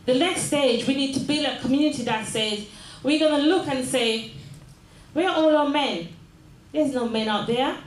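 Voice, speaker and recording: Older woman from Jamaica, mayor speaking to a crowd, higher voice, earnest and repetitive, echoey room. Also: normal speed, a little hiss or hum. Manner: earnest, repeats phrases, checks in with the audience. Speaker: mayor giving a closing speech. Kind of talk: community speech. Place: large room at a mayor's office. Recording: echoey room with faint ambience.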